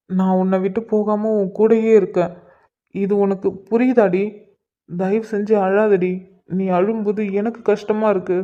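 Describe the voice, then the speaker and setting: A man voicing a gentle, devoted young husband in a cartoon, coaxing and soothing his crying wife. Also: high voice, muffled recording, lightly acted.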